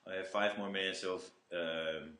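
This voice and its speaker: A man giving a live webinar talk, halting and restarting words often, with self-deprecating jokes. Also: deep voice, fairly even intonation, sharp tone, reverberant. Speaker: webinar speaker.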